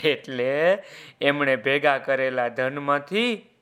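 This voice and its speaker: A man telling a children's story, lively and speaking directly to his young listeners. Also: medium pitch, takes it slowly.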